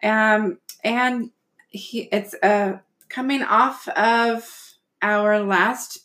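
A woman's voice: medium pitch, fairly even intonation, drawn-out words, fairly bright tone. A woman hosting a casual podcast chat, with a playful, joking manner. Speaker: podcast host.

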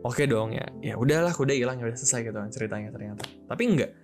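A young man casually telling a religious story, chatty and slangy, jumping into quick voices for the characters. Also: medium pitch, darkish tone. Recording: music playing behind.

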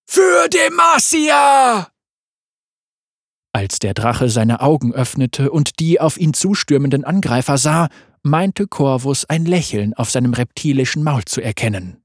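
A man narrating a fantasy story aloud in a steady reading voice. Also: mid-range voice, normal speed, no room sound, studio quality.

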